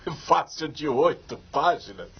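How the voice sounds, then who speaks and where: A man's voice: on the high side, expressive, measured pace, husky. A man hosting a podcast interview, asking short, probing questions. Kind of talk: conversational interview. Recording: dull lo-fi recording.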